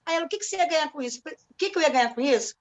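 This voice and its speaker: A woman with a Rio de Janeiro Brazilian accent telling stories in casual chat, animated and acting out the dialogue in different voices. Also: high-pitched, racing. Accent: Brazilian Portuguese, Rio de Janeiro.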